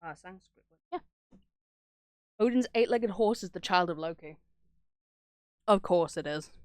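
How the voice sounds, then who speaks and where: A woman streamer who reacts to horror videos rambles casually through stories in a sweary, irreverent way, acting out the dialogue as she retells them. Her voice is on the low side, a little mellow and unhurried, with no room sound.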